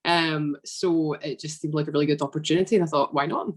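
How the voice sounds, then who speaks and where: A woman's voice: low-pitched, fast talker, husky. A young Scottish woman in her twenties, chatting casually as a podcast guest with lots of fillers. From Scotland. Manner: chatty, relaxed, frequent fillers. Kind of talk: casual interview.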